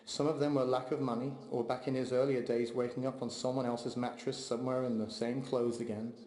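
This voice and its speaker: A man delivering a heartfelt memorial eulogy for his father, speaking in a measured, steady way. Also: mid-range voice. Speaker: eulogy speaker, son of the deceased. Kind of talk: memorial eulogy read aloud. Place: large memorial hall. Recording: echoey hall, long reverb.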